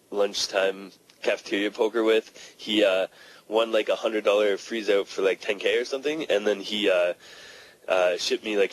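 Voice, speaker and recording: Guy with a lowish voice, kinda hesitant, ums a lot, faint hiss. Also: low-quality recording. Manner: hesitant, lots of ums and likes. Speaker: poker player guest. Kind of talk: casual interview answers.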